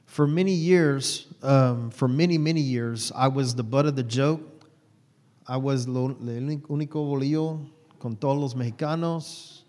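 An unhurried man in his forties with a medium-pitched, darkish voice preaches informally to a small group as a lay preacher. His sermon rambles, is packed with fillers, and often pauses for self-correction, and a long hall reverb colors the recording.

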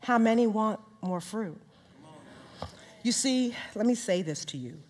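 A woman in her sixties or older preaching a sermon, speaking to a live congregation and swinging from quiet lines to shouted highs. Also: expressive, measured pace. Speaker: guest speaker, minister. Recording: reverberant hall.

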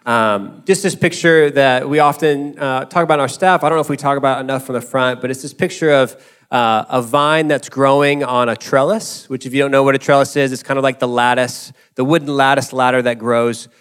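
A man's voice: mid-range voice, steady tone, brisk, fairly bright tone, clean tone. A man leading a church service, addressing the congregation in an informal, conversational and encouraging way. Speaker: church leader hosting the service.

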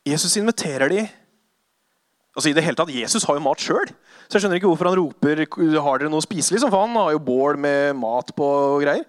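High-voiced animated male preacher. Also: no room sound, studio quality. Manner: animated storytelling, acting out voices, drops to hushed tones. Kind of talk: sermon retelling Bible stories.

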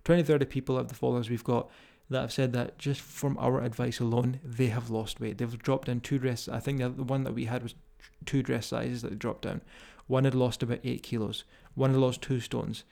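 Scottish man with creaky voice, casual podcast. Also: medium pitch, level tone, a little fast, hardly any pauses, warm tone. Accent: strong Scottish. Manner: informal, directly addressing listeners. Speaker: fitness coach hosting a podcast. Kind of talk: casual motivational podcast talk.

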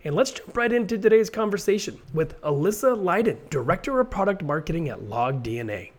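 Raspy-voiced male podcast host. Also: high voice, very animated, brisk. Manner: upbeat, reads a sponsor spot. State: hoarse from a head cold. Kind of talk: podcast interview.

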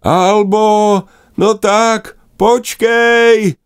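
A man's voice: fairly high pitch, a little mellow, no echo, clean studio sound, voice pushed up, lightly acted. A man voicing a young female magpie calling out to her sister. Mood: urgent. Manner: calling out urgently.

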